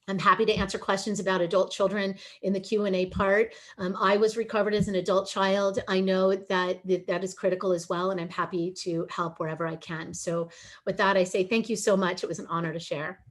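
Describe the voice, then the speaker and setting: A woman's voice: mid-range voice, level tone, fairly quick. Earnest woman presenting on a video call. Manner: earnest, pleading and emphatic. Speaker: guest speaker on a webinar. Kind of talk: emotional presentation.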